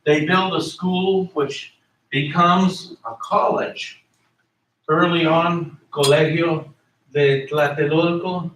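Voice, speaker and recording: A man's voice: on the high side, steady tone, slow, fairly bright tone, reverberant. A man teaching a class in a conversational way, asking his students questions and repeating key words, recorded in a classroom from far off. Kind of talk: classroom lecture.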